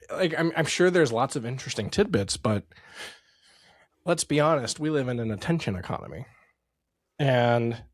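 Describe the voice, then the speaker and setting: An American man co-hosts a casual podcast from a home setup in the San Francisco Bay Area, rambling, correcting himself and chuckling often. His medium-pitched voice comes through at studio quality with no room sound.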